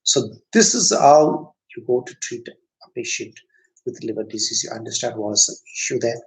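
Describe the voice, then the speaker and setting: A man with a gravelly, creaky voice and a Tamil accent teaches acupuncture. He talks at a middle pitch for a man. He keeps repeating and rephrasing his phrases as he explains each step. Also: moderate pace, low-quality recording. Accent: Tamil-accented English. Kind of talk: classroom lecture.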